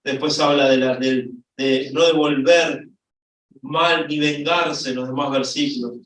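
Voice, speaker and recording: A middle-aged man with an Argentine accent preaching a sermon, telling a story with lively rises in his voice. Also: medium pitch, unhurried, a little hiss or hum. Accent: Argentine Spanish. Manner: storytelling, lively, voice rising when excited. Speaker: pastor. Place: church hall. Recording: echoey church from far off.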